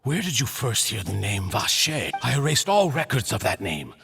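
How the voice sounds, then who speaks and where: A man's voice: lowish voice, sing-song, normal speed, vocal fry, pushed and bright, long reverb tail, faint music behind, exaggerated voice. A man voicing a desperate, obsessive convict in a video game, stammering, repeating himself and pleading. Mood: intent. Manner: stammering, repetitive, frantic. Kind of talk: English video game voice acting.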